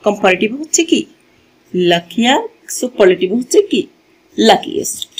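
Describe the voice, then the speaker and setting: A woman teaching a grammar lesson to a class, moving slowly, repeating key words and asking the learners questions as she goes, switching languages mid-sentence. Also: medium pitch, expressive, husky, low-quality recording. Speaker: English teacher. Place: classroom with a board.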